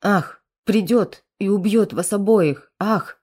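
A woman's voice: medium pitch, slow pace, darkish tone, slightly rough. Woman playing a desperate moaning captive. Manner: moaning, pleading.

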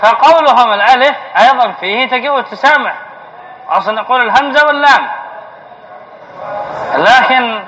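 A man's voice: very high voice, lively intonation, moderate pace, pauses often, sharp tone. A man, a sheikh, giving a classroom lesson on Arabic grammar. He asks his students questions and then answers them himself. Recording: dull lo-fi lecture recording with faint hiss.

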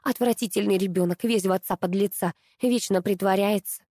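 A woman's voice: medium pitch, a little fast, warm tone, dry recording, clean studio sound, close to an everyday voice. A woman reading aloud, voicing a spiteful, selfish young woman who whines and shrieks. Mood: scornful. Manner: whiny, demanding, shrieking.

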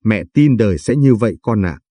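A man reading a gentle old village mother. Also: fairly low pitch, animated, fairly quick, no echo, studio quality. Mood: tender.

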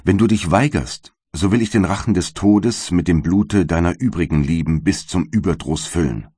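A monstrous giant creature speaks with bitter, solemn reproach, voiced by a man in a storybook reading. The voice sits very deep. The sound is dry and close. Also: normal speed, mellow, husky, dry recording. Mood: menacing. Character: hulking male creature, bitter and pleading. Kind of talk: audiobook reading.

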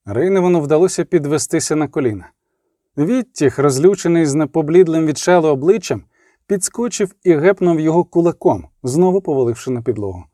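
A man narrating an audiobook in an expressive, vivid storytelling manner. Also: a little high, a little fast, no echo, clean studio sound.

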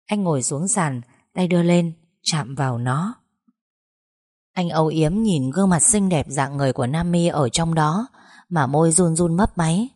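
A woman reading a story aloud, gentle and emotive. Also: sits low, normal speed, no room sound, studio quality. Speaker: narrator. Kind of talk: audiobook story narration.

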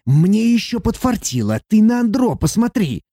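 A man doing Valafar, a squeaky sneering demon dwarf. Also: very animated, normal speed, mellow, husky, no echo, clean studio sound, full character voice. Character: small grumbling male demon dwarf, rude and mocking.

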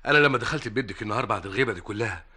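An actor playing a bickering, excitable husband in an old-time radio drama, with an Egyptian accent and quick, emphatic comic banter. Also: male voice, lowish voice, lightly acted. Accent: Egyptian Arabic.

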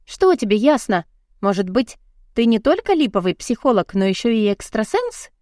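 Woman playing an indignant, sharp-tongued young woman. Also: fairly high pitch, sing-song, normal speed, no echo, studio quality. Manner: heated, pointed retorts.

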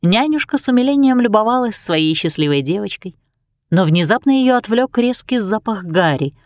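A woman reads a storybook aloud with an expressive delivery, her pitch moving widely. The recording is dry and close, with no room sound. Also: normal speed, no room sound. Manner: expressive, voices many characters. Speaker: narrator. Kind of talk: storybook reading.

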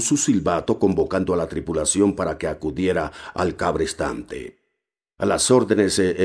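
A man reading a novel aloud as narrator, steady and measured with occasional hesitations. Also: low-pitched, creaky, husky. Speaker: audiobook narrator.

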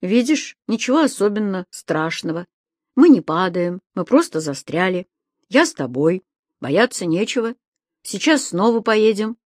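A woman voicing a kindly old man who calmly reassures and gently lectures in an audiobook story. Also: medium pitch, a little slow, dry recording, clean studio sound. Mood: reassuring. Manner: calm, soothing, a little lecturing.

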